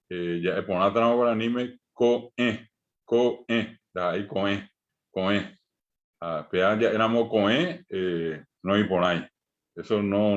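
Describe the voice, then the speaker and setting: A man teaching a language class, slowly repeating sounds for students to copy. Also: on the low side. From Paraguay. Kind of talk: online language lesson. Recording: muffled lo-fi audio.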